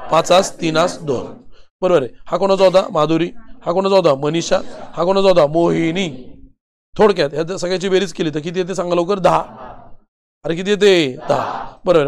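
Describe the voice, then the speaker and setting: A man with a Marathi accent teaching commerce, firing quick questions and answering them himself in call-and-response style. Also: high-pitched. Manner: rapid questions, repeatedly urging students to answer quickly. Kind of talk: classroom lecture with call-and-response drilling.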